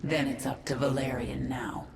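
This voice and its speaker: A woman's voice: extremely low pitch, little pitch movement, normal speed, vocal fry, background noise. A woman voicing a cold, commanding alien queen of a swarm in a video game, speaking in terse, imperious orders with an echoing effect. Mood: cold, resolute. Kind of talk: dramatic video game acting. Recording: echoey, distant, under loud music.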